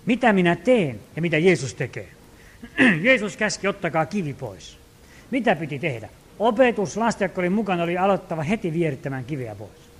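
A man with a notably high voice delivers a sermon as a pastor. He preaches earnestly, rising to loud calls and dropping to quiet, hushed asides. He acts out the prayers and commands he quotes.

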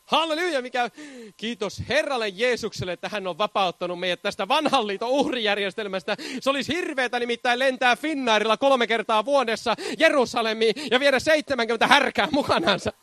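High, bright-voiced fervent male preacher. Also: dry recording. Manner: fervent, keeps shouting hallelujah and laughing. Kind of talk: charismatic sermon.

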